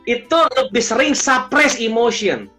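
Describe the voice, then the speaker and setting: Coach, animated storyteller, bright voice, English phrases mixed in, faint music behind. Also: medium pitch, a little slow. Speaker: emotional intelligence coach. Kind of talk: casual podcast chat.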